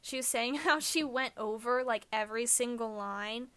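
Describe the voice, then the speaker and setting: A young woman co-hosting a casual podcast, gushing about music like an excited fan. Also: on the high side, normal speed. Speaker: podcast co-host. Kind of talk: casual chat.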